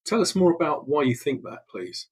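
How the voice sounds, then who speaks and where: Husky-voiced male interview host. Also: fairly high pitch, very animated, moderate pace, rough recording. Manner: polite, brief prompts. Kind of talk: interview questions.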